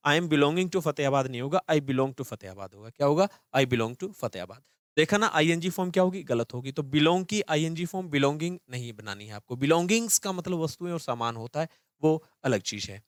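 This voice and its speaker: Male grammar teacher, young, quick delivery, slightly high voice, dry close sound. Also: animated, dry recording. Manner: fast-talking, repeats questions back to students. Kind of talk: live online class lecture.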